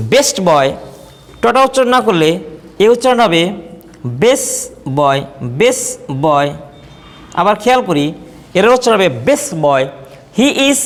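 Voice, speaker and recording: A man with a Bangladeshi accent teaching a spoken English lesson, slowly repeating example words to contrast how they are pronounced. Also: high-pitched. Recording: long reverb.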